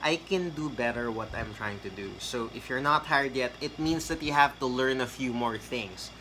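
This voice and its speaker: Speaking at a moderate pace in a mid-range, sharp-toned voice, a man from the Philippines talks to camera about landing a call center job. His casual tutorial rambles with fillers and restarts, over a rough recording with a bit of hiss or hum.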